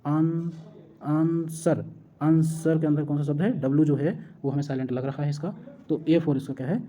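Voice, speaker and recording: A woman's voice: sits low, brisk, dark tone, highs cut off. A woman tutor explaining exam answers, repeating each question and then answering it, and often checking that the listener follows.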